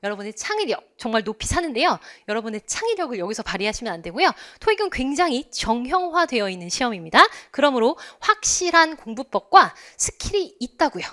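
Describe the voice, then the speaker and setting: Lively Korean woman teaching English. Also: fairly high pitch, a little fast, hardly any pauses. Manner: animated teaching, asks students to repeat phrases. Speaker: English test instructor. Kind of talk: online lecture.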